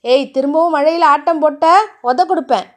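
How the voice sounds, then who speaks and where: A woman voicing a gruff, teasing young man, the hero of a romance audiobook, in a mock-threatening way. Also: high-pitched, brisk, natural voice.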